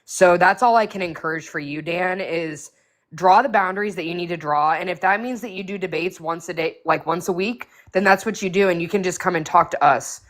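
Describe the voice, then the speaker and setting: A woman's voice: fairly low pitch, a little fast. A woman with an echoing voice, speaking earnestly and encouragingly to others in a live audio chat room. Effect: echoing sound. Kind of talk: casual heartfelt talk.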